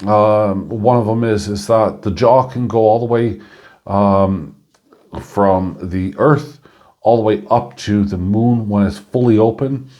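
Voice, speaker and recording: A man with a fairly low, warm and mellow voice talks through a coin review in a loose, chatty way. He often chuckles and leans on ums and uhs as he shows each detail. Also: takes it slowly. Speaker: coin reviewer and channel host. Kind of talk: casual coin review narration.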